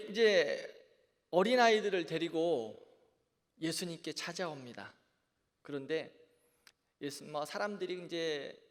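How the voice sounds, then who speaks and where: Pastor type, man, slightly high voice, earnest Bible lecture, long church echo. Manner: earnest, asks the listeners rhetorical questions. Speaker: pastor teaching a Bible class. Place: church sanctuary.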